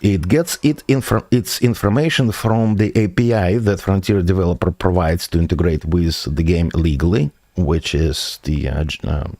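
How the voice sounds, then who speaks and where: A man with a deep, low voice gives a methodical tech walkthrough on a live stream. He pauses and restarts as he answers viewer questions. The sound is close and dry, with no room around it. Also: darkish tone, dry recording. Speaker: software developer streaming his project.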